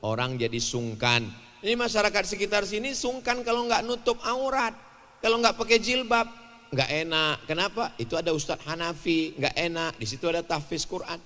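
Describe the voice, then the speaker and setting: A man preaching to a crowd, animated, swinging between loud bursts and quiet asides, acting out little dialogues. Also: sits high, normal speed. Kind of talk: lively sermon with jokes. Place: large hall at a religious gathering. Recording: hall reverb from a large venue.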